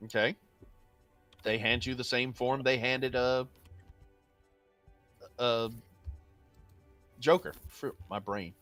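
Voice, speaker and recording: A game master narrating a tabletop game in a casual, animated way, often laughing while talking. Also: medium pitch, takes it slowly, long pauses, faint music behind. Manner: animated, laughing as they talk.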